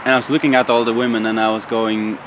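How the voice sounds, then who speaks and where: A man's voice: fairly low pitch, flat delivery, fast talker, fairly bright tone, slight background noise. A young man vlogging casually outdoors, rambling with lots of fillers and restarts. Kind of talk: casual vlog monologue.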